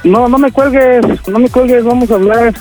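Man, pleading, stalling, high voice. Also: normal speed, over music, poor audio. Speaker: caller helping with a prank.

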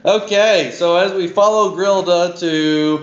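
A man chats casually as a player at a tabletop game. His voice is on the high side for a man. The recording has plenty of room sound and is a bit dull. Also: slow. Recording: roomy, slightly dull.

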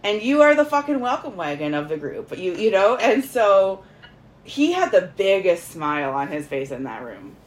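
A woman telling a story casually among friends, animated and emphatic, swearing freely and acting out what was said. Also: medium pitch, normal speed. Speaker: podcast host.

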